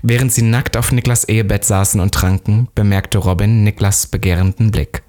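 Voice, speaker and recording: A man reads a story aloud in a somewhat low voice. He stops now and then for amused, joking comments. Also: steady tone, moderate pace, darkish tone. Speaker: co-host reading a story aloud. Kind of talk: reading a story aloud with banter.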